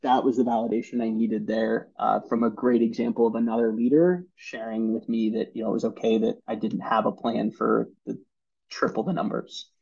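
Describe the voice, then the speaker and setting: A man in his thirties, a podcast guest, telling stories in an earnest, halting way with many fillers and restarts. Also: fairly low pitch, fairly even intonation, vocal fry, darkish tone, slightly rough, muffled recording. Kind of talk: casual storytelling interview.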